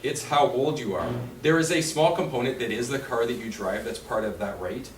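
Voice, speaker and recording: In a meeting room at a seniors' residence, a medium-pitched man gives a conversational insurance talk at a slightly fast clip, quizzing the room as he goes. The recording is roomy and distant, with a faint hiss.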